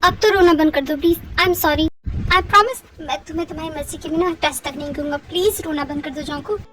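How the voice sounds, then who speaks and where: A woman's voice: high-pitched, a little fast, natural voice. Woman voicing a bossy, doting young man. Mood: pleading. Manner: scolding yet doting. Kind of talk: fan audio drama. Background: background music.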